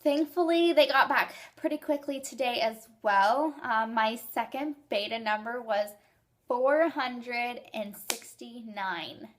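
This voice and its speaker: Excited young woman vlogging, fairly high. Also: slow. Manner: rambling, excited and emotional. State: hiccups. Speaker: vlogger sharing fertility journey. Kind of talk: casual vlog.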